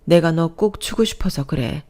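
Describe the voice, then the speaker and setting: A woman's voice: low voice, normal speed, mellow. A woman voicing a stern, generous older mother-in-law in a radio story reading, firm and plain-spoken.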